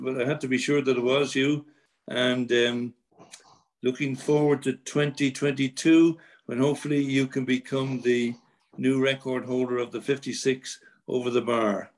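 A man's voice: medium pitch, steady tone, unhurried, rough recording. A man presenting an award over a video call, brief and plain-spoken.

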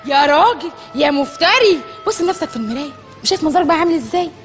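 An Egyptian woman with a high, quick voice who scolds in an exasperated way. Faint music plays under the scene. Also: lively intonation. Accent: Egyptian Arabic. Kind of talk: Egyptian comedy sketch acting.

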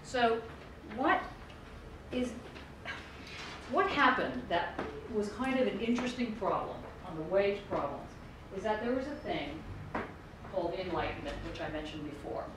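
Speaking at a moderate pace in an animated, medium-pitched voice, this middle-aged professor from the United States delivers a university lecture. She is wry and conversational, returning again and again to earlier points. The sound is echoey with background noise, captured by a room mic placed far from her in the lecture room.

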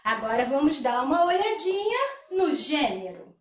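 A woman's voice: sits high, big pitch swings, moderate pace, distant mic. A woman teaching a grammar lesson, explaining step by step and asking the class rhetorical questions. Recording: echoey room, voice a bit off-mic.

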